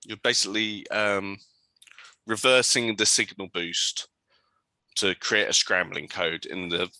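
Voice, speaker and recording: A man running a tabletop game, lower voice with a very bright, forward edge and a dry close sound. He is easygoing and keeps filling pauses with ums as he describes each scene. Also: no echo. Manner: relaxed, lots of ums, describing scenes and ruling on rolls. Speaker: game master.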